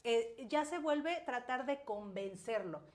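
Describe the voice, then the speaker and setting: A woman speaking as a parenting specialist in a casual conversation, animated, acting out scolding parents and children. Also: fairly high pitch, takes it slowly.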